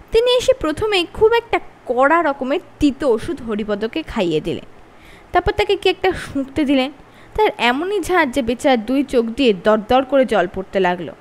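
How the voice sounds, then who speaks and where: A woman with a Bengali accent reads a funny children's story aloud, her high voice roaming all over the place. She's expressive, altering her delivery and pitch for each character.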